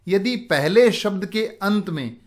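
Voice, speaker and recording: A man's voice: high voice, lively intonation, slow pace. A male teacher giving a grammar lesson, asking questions and answering them himself.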